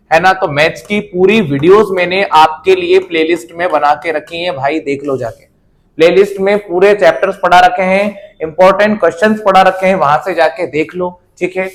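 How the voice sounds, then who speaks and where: A male teacher with a high-sitting voice offers students exam preparation advice in a relaxed, reassuring manner. He repeats himself a lot and keeps checking in with "है ना".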